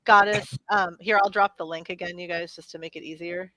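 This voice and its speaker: A woman's voice: fairly low pitch, fairly even intonation, a little fast, a loud crowd. A woman hosting a casual live-stream chat over a video call. She is chatty, laughs often and swears offhandedly. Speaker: host.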